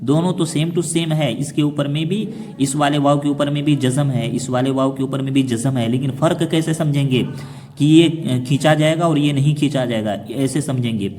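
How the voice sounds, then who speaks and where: Male teacher for children, who quizzes and then answers himself and draws out each sound; slightly high voice in a reverberant space. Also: a little mellow. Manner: asks questions and then answers them himself, slowing down to spell out syllables. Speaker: Quran reading teacher. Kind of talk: explaining a lesson to children.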